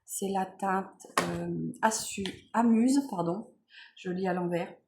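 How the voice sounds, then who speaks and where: A woman vlogger chatting casually while unboxing beauty products, relaxed, with many fillers and self-corrections. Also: mid-range voice, slow pace, gravelly, background noise.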